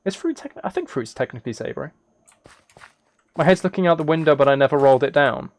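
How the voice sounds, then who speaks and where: This man's voice runs on the high side, and he talks fast and expressively. He rambles loosely to his livestream viewers, often restarting his phrases, over background noise of keyboard typing and clicks.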